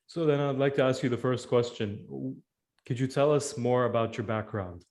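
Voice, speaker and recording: A man's voice: medium pitch, moderate pace, darkish tone. Man hosting a casual podcast. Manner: friendly, reads channel reminders. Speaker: podcast host. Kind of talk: casual interview chat.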